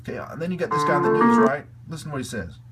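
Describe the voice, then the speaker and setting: A man's voice: a little high, very animated, very fast, over loud music. A man giving an angry, profane video rant, heated and repetitive in his delivery. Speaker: video commentator.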